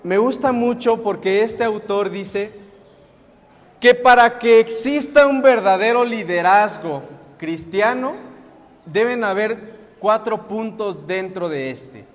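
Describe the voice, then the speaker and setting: A man's voice: high-pitched, slow pace. A young man preaching as a guest preacher in a church, asking the congregation questions and answering them himself. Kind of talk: sermon. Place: church sanctuary. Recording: echoey hall with long reverb.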